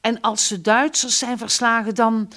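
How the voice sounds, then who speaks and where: A woman's voice: on the high side, fairly even intonation, a little slow, fairly bright tone, pitched above the performer's own voice. A woman reading the part of a boastful young man bragging about his country. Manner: boastful, dropping to a whisper.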